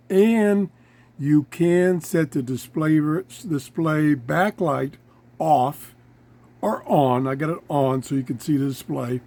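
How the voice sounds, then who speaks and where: A man with a relaxed, mellow voice a bit higher than most men's gives a casual, hands-on product demo. He speaks slowly in halting short bits, pausing to think, much like the host of a homemade review show.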